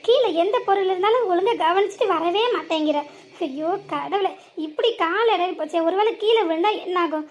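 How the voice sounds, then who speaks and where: Woman voicing a high, fretful village husband. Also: fairly quick. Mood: worried. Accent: southern Tamil Nadu. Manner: fretful, pleading, softly hesitant. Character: anxious young village husband hiding a worry. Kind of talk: cartoon voice acting.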